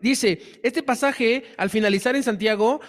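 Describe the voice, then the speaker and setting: A man's voice: very high-pitched, measured pace. A man teaching a Bible class in a church hall, telling a personal story and acting out the dialogue in it.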